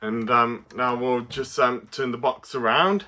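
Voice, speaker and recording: Man, very bright forceful voice, mid pitch, excitable kids-show toy reviewer, halting phrasing. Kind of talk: casual toy review to camera.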